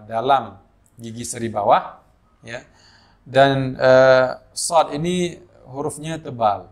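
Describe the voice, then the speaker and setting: Man, Indonesian accent, recitation teacher, hesitant explanations, slow chanted examples. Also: mid-range voice. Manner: explains slowly with many fillers, then chants drawn-out recitation examples. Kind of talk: tajwid lesson with demonstrations.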